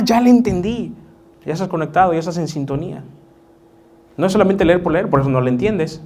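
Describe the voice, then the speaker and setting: Pastor, male, higher voice, lively sermon delivery with acted-out quotes. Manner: acts out quoted voices of churchgoers, lively preaching.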